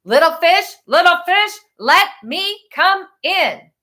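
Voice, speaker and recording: A woman voicing a big bad male shark from a children's storybook, a hungry bully chanting loud, drawn-out threats. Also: very high-pitched, big pitch swings, pitched above the performer's own voice, exaggerated voice. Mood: coaxing menace. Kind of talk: children's storybook read-aloud.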